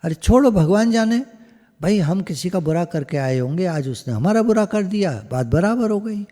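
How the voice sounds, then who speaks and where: A man giving a spiritual discourse over a video call, slow and emphatic, often slipping into English phrases. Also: high-pitched, expressive, dark tone, big-room sound. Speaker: satsang speaker.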